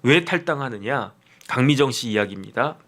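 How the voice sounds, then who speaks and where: A middle-aged man hosting a commentary channel, talking casually and acting out quoted voices in an animated way. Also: medium pitch, moderate pace. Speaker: lawyer and commentary channel host.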